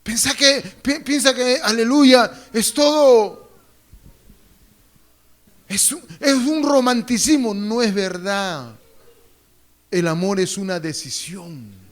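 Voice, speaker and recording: An extremely high-pitched pastor preaches slowly in church, leaving long pauses. He speaks with fervor, prompts the congregation to say phrases back to him, and mixes in jokes.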